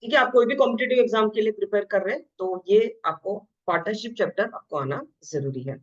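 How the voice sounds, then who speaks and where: A woman teaching an exam-prep math lesson, switching between Hindi and English. She reads the questions out slowly and explains them quickly. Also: medium pitch. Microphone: screen-share voice recording. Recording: slightly dull lo-fi audio.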